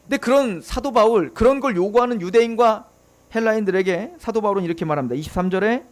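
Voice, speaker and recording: A male pastor delivers a sermon in a notably high voice. He preaches earnestly, now and then slipping into the casual, taunting voice of a skeptic to make his point. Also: fast. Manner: acts out scoffing unbelievers in casual speech; earnest, preaching with rising and falling intensity.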